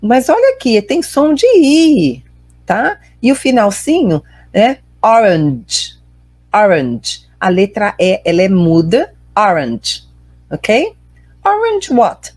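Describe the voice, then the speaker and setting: A woman's voice: a little high, huge pitch swings, slow, a little mellow, no echo. A woman with a Brazilian Portuguese accent teaching an online English lesson, carefully drilling pronunciation and switching between Portuguese and English.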